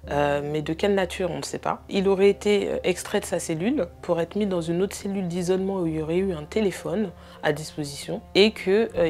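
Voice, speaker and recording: A woman giving an earnest documentary testimony as a bereaved sister. She speaks hesitantly, with frequent filler pauses. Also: fairly low pitch, vocal fry, darkish tone. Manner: earnest, emotionally heavy recounting.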